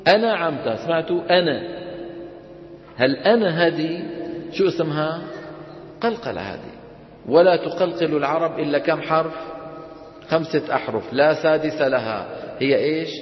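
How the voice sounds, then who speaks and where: Brief: male Quran teacher, fairly high voice, quizzes the class, recorded lo-fi in a roomy lecture hall. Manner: asks the class questions and answers them, chants verses slowly. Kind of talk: classroom tajweed lesson.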